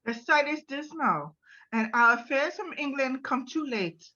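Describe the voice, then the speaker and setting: A woman's voice: high-pitched, animated, measured pace, pushed and bright, heavily acted. A woman playing a formal, sombre ambassador in a Shakespeare reading. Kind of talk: dramatic Shakespeare read-through. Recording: dull, lo-fi microphone sound.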